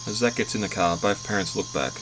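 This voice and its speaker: Low-voiced man reading a film recap. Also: fast, noisy background. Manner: steady, matter-of-fact reading. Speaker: podcast narrator. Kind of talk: read minute-by-minute film recap. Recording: crickets chirping behind. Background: crickets and insects.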